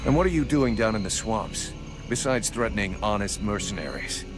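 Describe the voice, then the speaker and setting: An actor playing a stubborn young mercenary hero in a video game, blunt and grumbling. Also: male voice, on the low side, expressive, normal speed, close to an everyday voice. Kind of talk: video game character acting. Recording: music behind the voice.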